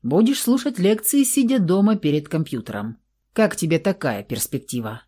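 A cold, curt vampire master, as a woman reading a storybook puts him on gives orders in a low, mellow voice. He keeps his tone icy and commanding. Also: animated, moderate pace, breathy edge. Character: cold, domineering elder vampire brother, a man.

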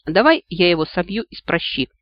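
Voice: medium pitch, sing-song, normal speed, no room sound, highs cut off, close to an everyday voice. An audiobook reader voicing a blunt, wisecracking male talking cat familiar. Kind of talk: audiobook character voice.

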